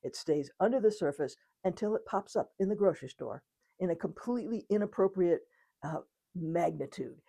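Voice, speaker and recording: Woman doctor, plain conversational explainer, warm low voice. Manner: conversational, acts out quotes, occasional laughs. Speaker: physician explaining trauma. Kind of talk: informal educational talk.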